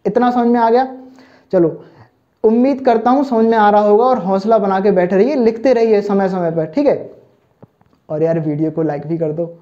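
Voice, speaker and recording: The speaker, a male Hindi teacher, has a high, dark voice with fairly even intonation and a normal pace as he teaches an online exam-prep lesson. He warmly refers to students as children and checks their understanding again and again with "thik hai" and "samajh mein aaya na." The recording sounds muffled, dull and lo-fi.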